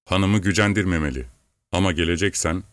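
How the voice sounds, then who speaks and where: A smug, gruff master of the estate, read by a man in a storybook narration. He clips his words and hits each syllable. The low voice sounds dry and close. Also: a little fast, dry recording, natural voice. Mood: curt. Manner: curt, stresses syllables. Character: gruff self-satisfied male landowner. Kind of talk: audiobook reading.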